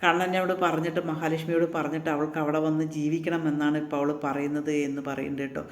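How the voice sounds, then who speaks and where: Guy going over a tv serial episode, kinda high flat voice, echoey room. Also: quick pace. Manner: retells scenes in a flat, even flow, tagging lines with "kēṭṭō". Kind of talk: casual plot recap.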